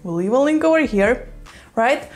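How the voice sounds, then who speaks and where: Woman, strong Russian accent, slightly high voice, chatty home vlog, lots of "you know". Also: lively intonation, moderate pace, a little mellow. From Lithuania. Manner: chatty, laughs often, says "you know" a lot. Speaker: plant vlogger. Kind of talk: casual vlog chat. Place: home room with plants.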